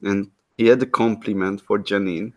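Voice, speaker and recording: A man co-hosting a casual podcast, speaking with a flat, dry delivery. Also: lowish voice, moderate pace, dull audio. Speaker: podcast co-host. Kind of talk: casual chat.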